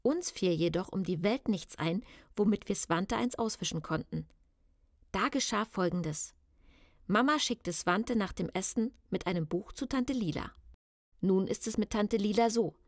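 A woman's voice: mid-range voice, animated, a little slow, no echo, clean studio sound. A woman reading a children's audiobook in a confiding, wry first-person voice. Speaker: audiobook narrator.

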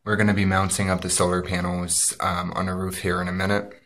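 His voice sits low and moves fairly quickly. The vlogger casually films his DIY cabin, filling the talk with relaxed "uh"s and "um"s, going from backyard to the interior of a small wooden cabin.

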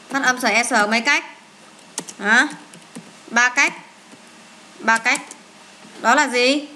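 A woman teacher, taking a class through an English lesson in a classroom and briskly quizzing students with quick questions and rhyming memory phrases. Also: high voice, sharp tone, slight background noise.

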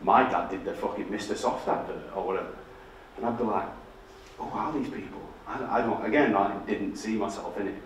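A middle-aged Yorkshireman with a thick accent and a fairly low, fairly quick voice tells stories on a dark theatre stage with a projector screen. He is a designer giving a casual public talk, blunt, self-deprecating and heavily sweary. The recording catches an echoey hall from a distance, with slight background noise.

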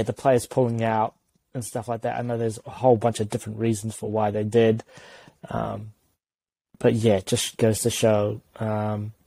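A man's voice: mid-range voice, gravelly, mellow, no room sound. A man giving earnest opinions in a casual sports chat, sometimes stumbling over his words.

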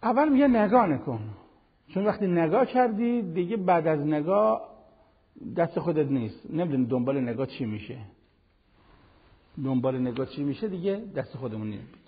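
An older man giving a televised religious lesson, preaching in an animated, conversational way with everyday examples. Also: a little high, husky, long reverb tail, narrow, tinny audio. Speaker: Quran teacher.

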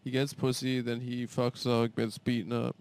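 Deadpan young man with a gravelly voice. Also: mid-range voice, normal speed. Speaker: podcast co-host. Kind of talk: dry comedic banter.

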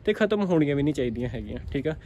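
A man's voice: a little high, very animated, racing, dark tone, a little hiss or hum. A man with a Punjabi accent, a dairy farmer giving a casual motivational talk to camera, repeating himself and checking in with "theek aa". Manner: repetitive, keeps asking "theek aa".

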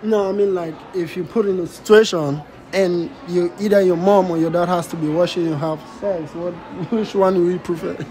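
A man's voice: high-pitched, fairly even intonation, moderate pace, hardly any pauses, mellow. A man asking strangers cheeky questions on a city street, laughing and teasing as he goes. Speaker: street interviewer. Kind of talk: casual street interview.

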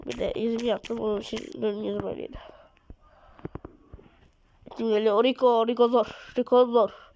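A woman giving excited live commentary on a mobile game, her voice a little off from being ill, recorded on a phone mic. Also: fairly high pitch, moderate pace, creaky, highs cut off. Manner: excitable, urges and scolds the game, drops to mutters. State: slightly ill voice. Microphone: phone mic via screen recorder.

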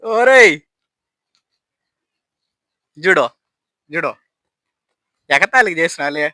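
A man filming a prank vlog on a phone at home, loudly and insistently calling out to his friend and teasing him. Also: a little high, lively intonation, very slow, low-quality recording. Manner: loud, insistent, repeats calls and commands. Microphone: phone camera.

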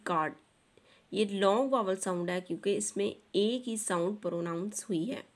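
A woman with a Pakistani accent teaching a textbook lesson, reading English lines slowly and carefully and then explaining them briskly. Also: mid-range voice.

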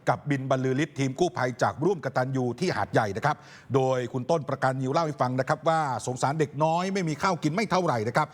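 A man reading the evening news as anchor, voicing reports in a brisk, polite newsreading manner. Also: on the high side, in a large hall. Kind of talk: news narration.

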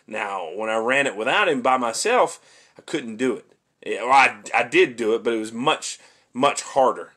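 A man's voice: medium pitch, animated, normal speed, sharp tone. A male pastor giving a casual online sermon, talking conversationally with lots of fillers and restarts, encouraging toward his listeners.

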